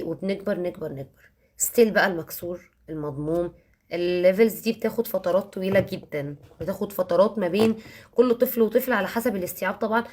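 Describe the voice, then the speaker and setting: In a mid-range voice, a woman with an Egyptian Arabic accent tells parents how she teaches little children. She's emphatic, going back over key words and taking examples slowly.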